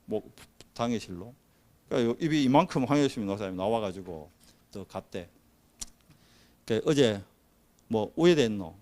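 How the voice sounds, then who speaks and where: A male pastor with a Gyeongsang accent, preaching a sermon as an animated story and acting out the people in it. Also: lowish voice, normal speed, long pauses. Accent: Gyeongsang Korean.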